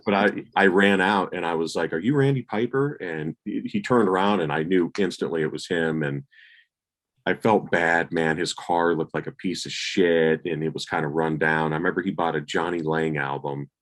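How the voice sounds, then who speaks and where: A man's voice: rumbling low, fairly even intonation, normal speed, a bit bright. A man co-hosting a casual music podcast, telling rambling anecdotes and swearing casually. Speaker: podcast co-host. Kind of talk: casual chat.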